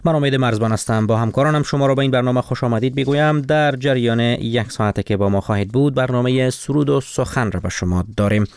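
A male radio host with an Afghan Dari accent reads formally from a script. His voice is very clean and resonant at a medium pitch, recorded dry and close in a studio. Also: hardly any pauses, clean tone, dry recording. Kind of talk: scripted programme presenting and news reading.

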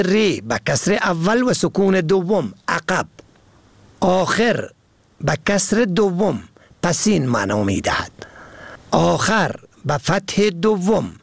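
A man presenting a scripted radio language lesson, slowly spelling out words letter by letter. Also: fairly high pitch, vocal fry, dry recording. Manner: slow, careful spelling out of words.

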